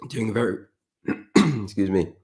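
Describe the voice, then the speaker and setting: A forex trading livestream host walks through market charts in a deep, low voice at a measured pace. He's croaky and keeps clearing his throat, yet stays relaxed and chatty, greeting viewers by name.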